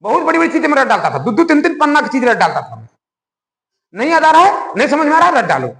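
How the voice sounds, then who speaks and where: A man with a very high voice gives a class lecture. His pitch rises and falls a lot, and he often asks the class questions. The recording has a long echo, like a classroom. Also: fast. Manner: animated, conversational, asks the class rhetorical questions. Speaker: school science teacher. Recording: echoey room with long reverb.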